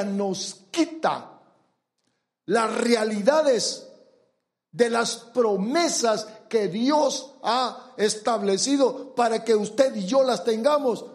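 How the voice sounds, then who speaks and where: A man delivering a sermon in a very high voice, taking his time over each phrase. He preaches emphatically, firing rhetorical questions at the congregation and acting out the voices he quotes.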